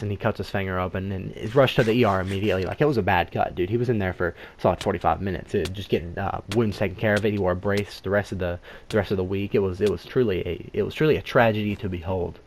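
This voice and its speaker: A man's voice: deep voice, steady tone, fast talker, a little hiss or hum. A man telling a personal story in a casual, rambling, joking way, full of fillers and asides. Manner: rambling, joking, lots of "you know" fillers.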